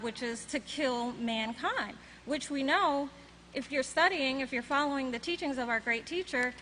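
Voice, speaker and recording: Woman, church testimony speech, earnest, scripture quotes, bright tone. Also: high voice, a little hiss or hum. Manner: earnest, reads scripture aloud. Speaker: congregation speaker. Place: church hall.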